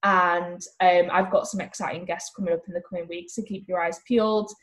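Low, flat-voiced woman. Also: a little fast, low-quality recording. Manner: relaxed, hesitant with frequent ums. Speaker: podcast host and fitness coach. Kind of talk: casual solo podcast update.

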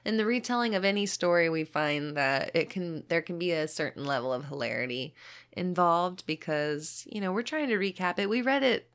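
A woman co-hosts a laid-back podcast chat. Her voice is low-set with a gravelly fry, and she tells stories with a laugh never far away. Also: lively intonation, moderate pace, a bit bright. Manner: chatty storyteller, laughs often. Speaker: podcast co-host. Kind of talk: casual chat.

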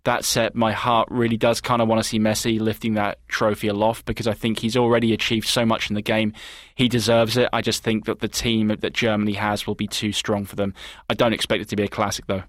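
A man on a sports podcast panel, measured as he lays out his predictions. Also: on the low side, level tone, a bit bright, dry recording, studio quality. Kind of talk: casual sports chat.

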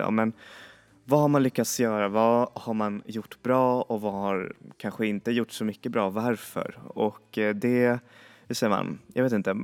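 A man hosting a music podcast, chatting casually and enthusiastically, often stopping to search for the right word. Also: on the low side. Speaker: podcast host. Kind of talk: casual chat introducing songs.

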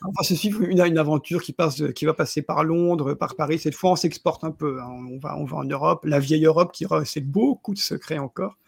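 A man's voice: a little high, brisk, gravelly, hardly any pauses, husky, dry recording, clean studio sound. A man chatting casually about films on a podcast, stumbling and repeating his words as he goes. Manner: stumbling, repeats words often, chuckles while talking. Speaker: podcast co-host reviewing films. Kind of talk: casual film review chat.

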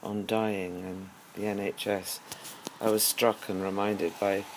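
An older man, giving a halting, wry personal monologue as host of his own audio series. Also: on the low side, little pitch movement, a little hiss or hum, rough recording. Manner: musing, halting, with wry humour. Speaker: podcast host.

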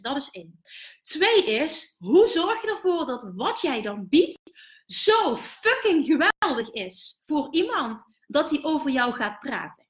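A Dutch woman in her thirties, a business coach hosting a live stream, who tells candid, animated stories and swears now and then. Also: high-pitched, echoey room. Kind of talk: live stream storytelling to viewers.

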